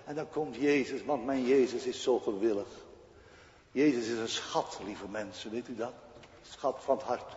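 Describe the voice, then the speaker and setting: A man's voice: medium pitch, moderate pace, darkish tone. Emphatic male pastor preaching a sermon. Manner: emphatic, with rhetorical questions. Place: church. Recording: dull echoey church recording.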